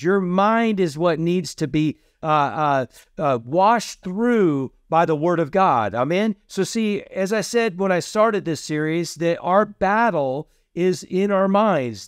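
A slightly high, clear voice with a resonant tone belongs to a preacher hosting a teaching series. In his casual sermon he frequently asks "Amen?" and starts points with "So see." No room sound; studio quality.

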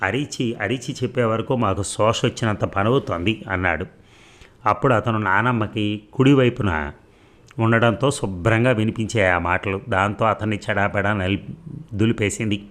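Low-voiced man reading a novel aloud. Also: moderate pace, a bit bright. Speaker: narrator. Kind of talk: audiobook reading of a serial novel.

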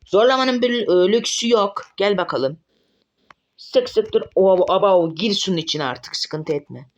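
A man giving live gameplay commentary as a mobile game streamer, excitable and swearing often when frustrated. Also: sits high, unhurried, dull audio.

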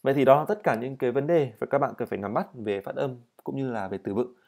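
A man with a darkish tone and a mid-range voice runs a lesson on English vocabulary and pronunciation. After saying each word slowly and clearly, he quickly explains it.

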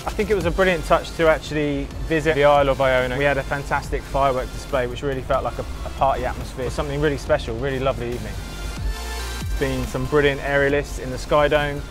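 A man's voice: medium pitch, fairly even intonation, fast. A man in his forties, a travel vlogger, narrating an upbeat review with enthusiasm. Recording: voice-over with loud music behind. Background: music.

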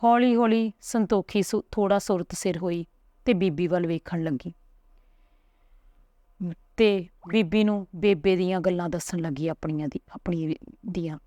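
A woman narrating a family story in a calm, even reading manner. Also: on the low side, a little slow, no room sound.

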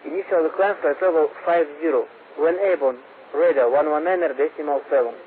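A man's fairly high voice comes through an aviation radio channel, squeezed thin like a phone line with a faint hiss underneath. He works as an air traffic controller and speaks in short, clipped radio phraseology. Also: normal speed. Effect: heard over an aviation radio channel.

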